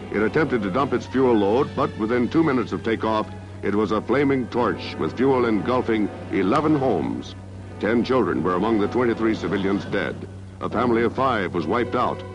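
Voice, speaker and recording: A man narrating an old 1960s newsreel in a declamatory, stately manner, heard on a film soundtrack. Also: on the low side. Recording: dull lo-fi 1960s newsreel audio with music.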